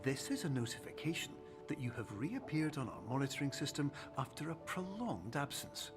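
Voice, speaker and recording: An actor playing a calm, formal male doctor with an Irish accent, reading out a recorded notice in a video game. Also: medium pitch, close to an everyday voice. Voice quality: formal, measured. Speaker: game character. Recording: game audio with music behind.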